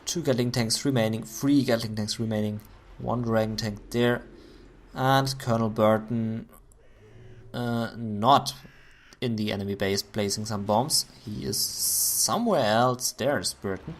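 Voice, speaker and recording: A man commentating a video game match on his own, getting excited at big plays, his voice going hoarse. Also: on the low side, unhurried, a little hiss or hum. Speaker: esports caster.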